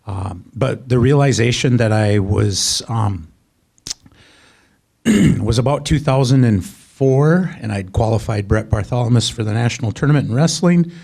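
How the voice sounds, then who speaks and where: A middle-aged man telling a personal story as a panel guest, soft-spoken and halting with many fillers. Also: mid-range voice, lively intonation, vocal fry, husky.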